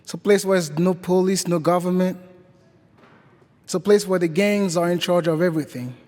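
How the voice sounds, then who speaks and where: A young Haitian man with a high, slightly mellow voice gives a personal testimony to the congregation as a guest speaker at Mass. He talks slowly and deliberately, repeating phrases, and the church hall adds reverb.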